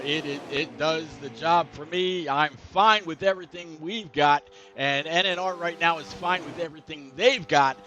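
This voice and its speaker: A man commentating a sim racing league, chatty and digressive with many fillers. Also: on the high side. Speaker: race commentator.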